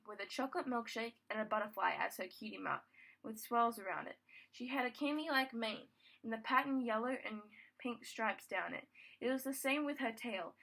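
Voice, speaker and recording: A woman's voice: a little high, creaky, a bit bright, low-quality recording. A young woman casually reading her own fan fiction aloud, stumbling and restarting lines as she goes. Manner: stumbling, rereads words, restarts sentences.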